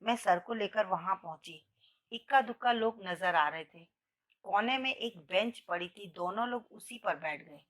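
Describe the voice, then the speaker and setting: A woman storyteller narrating a first-person romantic story in an expressive, emotional reading. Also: medium pitch, measured pace.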